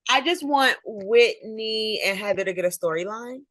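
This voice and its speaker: A woman co-hosting a podcast in casual chat, talking quickly and chattily. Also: a little high, fairly bright tone, dry recording. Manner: chatty and quick, laughs easily. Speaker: podcast co-host.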